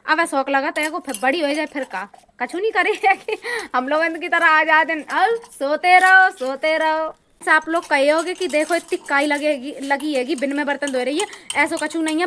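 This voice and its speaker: A woman's voice: sits high, slight background noise. A woman, chatting casually to her viewers in a home vlog filmed on a phone. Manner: chatty, addresses viewers as friends; loud and lively, breaking into laughter. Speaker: vlogger. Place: home, indoors and outdoors. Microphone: phone camera.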